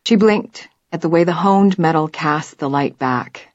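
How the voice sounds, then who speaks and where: Woman narrator, audiobook, low voice, dry close sound, dull audio. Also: unhurried, dry recording. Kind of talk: scripted narration.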